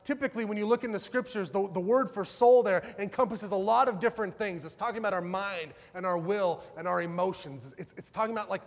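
A man with a high voice preaches in a casual, talk-it-through way. He swings from loud, passionate bursts to hushed, tender passages. His words ring out with a long reverb, as in a large hall. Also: fast talker, hardly any pauses. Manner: passionate, conversational preaching with a wide swing between loud and soft. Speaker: pastor. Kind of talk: sermon.

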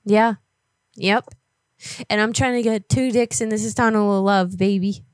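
A woman's voice: mid-range voice, unhurried, no room sound, clean studio sound. Teasing woman on a prank call. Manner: teasing, crude, deadpan. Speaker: prank caller.

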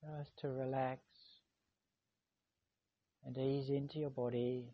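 A man speaking calm, slow, soothing instructions as he guides a meditation. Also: medium pitch, no room sound, highs cut off.

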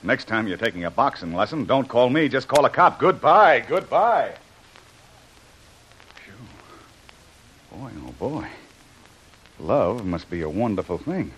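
A man's voice: medium pitch, very animated, a little slow, pauses often, a bit bright, highs cut off. A man playing a gallant, tough, plain-spoken adventurer with dry wit in 1940s radio drama. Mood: exasperated, wry. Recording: noisy old 1940s radio recording.

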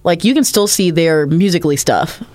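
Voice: mid-range voice, normal speed, darkish tone. A young student co-host from Las Vegas chatting casually, bubbly and rambling. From Las Vegas, USA. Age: young adult. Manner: bubbly, rambling, laughs often. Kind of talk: casual chat.

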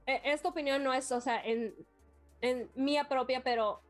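A woman with a Mexican accent, co-hosting a casual chat and retelling events in animated detail. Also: sits high, normal speed, faint music behind. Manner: animated storyteller, acts out quotes.

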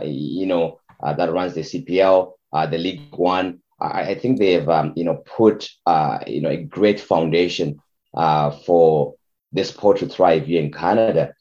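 A man from Zimbabwe, a youth soccer head coach, answering interview questions in halting speech full of fillers and repeated words. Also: deep voice, dark tone. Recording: dull lo-fi sound.

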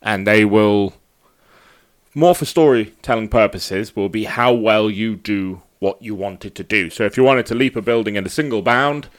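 Low-voiced man running a tabletop game. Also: normal speed. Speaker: game master. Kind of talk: casual explanation of tabletop game rules.

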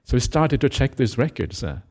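A man's voice: mid-range voice, big pitch swings, brisk. A middle-aged man from Norway, a Buddhist monk giving a reflective Dhamma talk, often ending his points with a questioning "eh?". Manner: reflective, tags lines with a questioning "eh?"; gentle laughter, hesitant fillers.

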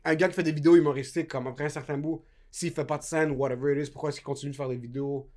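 A man's voice: fairly high pitch, steady tone, rapid-fire, darkish tone. A young man with a Québécois French accent, co-hosting a casual chat and loosely mixing in English slang.

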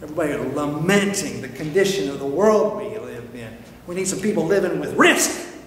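High-pitched preacher in an echoey hall. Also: male voice, moderate pace. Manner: emphatic, rhetorical questions, animated. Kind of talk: sermon. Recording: echoey hall with long reverb.

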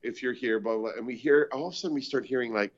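A middle-pitched man from Canada tells haunted-location stories with comic timing, often popping into the voices of the people he quotes. He talks like a stand-up comedian chatting with a host. The audio is dull and lo-fi. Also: quick pace. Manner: animated storytelling, acts out quoted voices. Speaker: comedian and show host, guest. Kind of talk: casual chat, storytelling.

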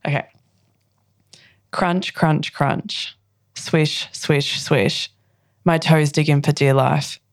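A woman's voice: deep voice, steady tone, extremely slow, pauses often, dry recording, clean studio sound. A woman who is a poetry guest, chatting casually and reading her own poems aloud, laughing often. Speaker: poet guest.

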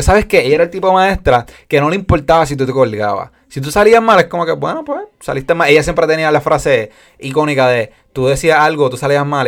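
A young Puerto Rican man co-hosting a casual podcast chat, telling stories in a lively way, acting out quotes and swearing freely. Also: a little high. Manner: animated storytelling with acted-out quotes, heavy slang and swearing. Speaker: podcast co-host.

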